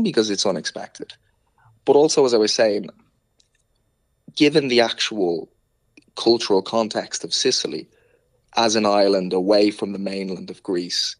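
A man's voice: fairly low pitch, no echo. A man with a Dublin Irish accent, explaining things conversationally as an author in an interview and often rewording himself. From Ireland.

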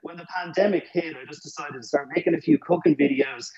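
A man's voice: on the high side, fast talker, gravelly. An easygoing man talks casually as a radio interview guest, rambling and repeating words, his voice hollow and echoey as if at the bottom of a well. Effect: echoey hollow sound, as if at the bottom of a well. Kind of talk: casual radio interview over a remote link. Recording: echoey muffled remote line with loud background chatter.

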